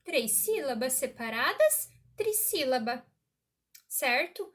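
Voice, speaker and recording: A woman teacher giving a recorded remote lesson to a child, slow and encouraging, often checking in with the listener. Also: high-pitched, big pitch swings, fairly bright tone.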